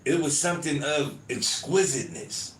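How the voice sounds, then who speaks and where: A man's voice: fairly high pitch, big pitch swings, normal speed, a little hiss or hum. A man hosting his own podcast, talking casually with listeners and dropping "you feel me" and "man" into his points. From United States. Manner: loose conversational, lots of "you feel me" and "man". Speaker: podcast host. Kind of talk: casual podcast commentary, reading chat comments. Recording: roomy home recording with faint ambience.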